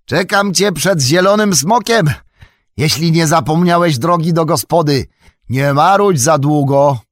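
A man's voice: a little high, unhurried, no echo, pitched above the performer's own voice, close to an everyday voice. A man doing a friendly teasing hobbit.

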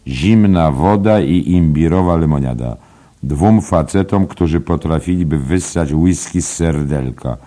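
A man doing a loud mocking drinking buddy. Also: a bass voice, a little slow, voice pushed up. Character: boisterous, scornful male drinking companion. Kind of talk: audiobook character voice.

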